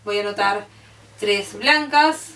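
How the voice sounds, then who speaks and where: A music teacher with an Argentine Spanish accent gives a patient, step-by-step classroom explanation, checking comprehension with "¿sí?". She speaks slowly in a mid-range, somewhat bright voice. A distant mic captures the roomy space along with a little hiss or hum.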